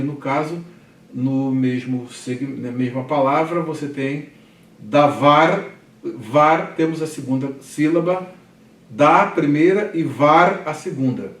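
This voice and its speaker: Um homem com sotaque brasileiro dando aula em sala, falando com paciência e repetindo termos devagar, sempre perguntando "tá?". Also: male voice, mid-range voice. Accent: Brazilian Portuguese. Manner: patient, repeats terms slowly, asks "tá?" often. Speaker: teacher. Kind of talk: classroom lecture. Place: classroom. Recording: echoey classroom from a distance.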